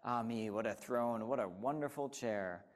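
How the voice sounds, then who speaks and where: A man's voice: mid-range voice, normal speed, close to an everyday voice. A man voicing a pompous, boastful turtle king who bellows his proud declarations in a storybook reading. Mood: exultant.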